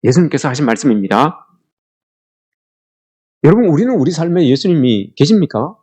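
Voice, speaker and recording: A man's voice: a little high, big pitch swings, moderate pace, darkish tone, slightly rough. A middle-aged man preaching a family worship sermon, telling stories and asking the congregation questions. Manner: storytelling, asks the congregation questions often; acts out quoted lines in a raised voice. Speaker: pastor.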